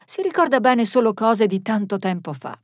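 A woman's voice: fairly high pitch, big pitch swings, normal speed, no room sound, clean studio sound. A woman voicing a chatty, gossipy middle-aged newsagent who knows everyone in town. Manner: chatty, knowing.

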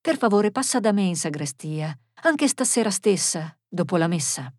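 A woman's voice: on the low side, animated, moderate pace, a little mellow, slightly rough, no room sound, clean studio sound. A woman reading the lines of a jovial male parish priest who greets his flock heartily. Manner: hearty, genial.

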